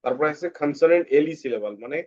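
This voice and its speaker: A man's voice: a little high, expressive, racing, a little mellow, highs cut off. A man teaching English to a class, patiently repeating points and calling on students by name.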